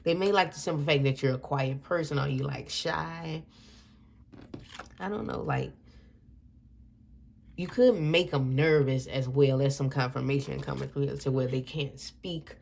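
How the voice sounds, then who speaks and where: A woman's voice: very deep voice, a little slow, gravelly, long pauses, a little mellow, slight background noise. A woman giving a casual tarot reading to her viewers, rambling a little and repeating and correcting herself as she goes. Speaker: tarot reader.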